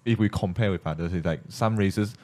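A man's voice: sits low, brisk, mellow. A Malaysian man on a podcast, talking casually, agreeing readily and laughing easily. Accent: Malaysian English. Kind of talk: casual discussion.

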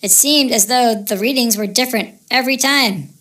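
Kind alien traveler, a woman doing it, formal polite talk, a bit high, kids storybook podcast. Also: moderate pace. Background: soft music.

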